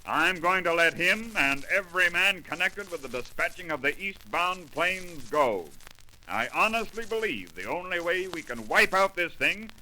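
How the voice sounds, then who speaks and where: Brusque, forceful old-radio airline boss. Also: male voice, high voice, expressive, normal speed, exaggerated voice, poor audio. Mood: grave, decisive. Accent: American. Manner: clipped, commanding, impatient. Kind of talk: 1930s American radio drama acting. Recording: old 1930s radio recording, faint noise.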